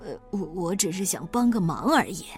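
A woman puts on a jittery grown man in a storybook, a doctor who stammers and hems over every other word. The voice sits lower than her own and keeps its swooping rises and falls. Soft music plays faintly behind him. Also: lively intonation, moderate pace, close to an everyday voice. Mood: anxious. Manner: stammering, hesitant. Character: timid fussy English doctor, grown man.

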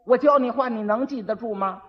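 A clever, fed-up young bride, as a male storyteller puts her on. She scolds and patiently coaches, set a little higher than the teller's already high voice. The old recording is dull and reverberant. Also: fairly quick. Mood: exasperated instructing.

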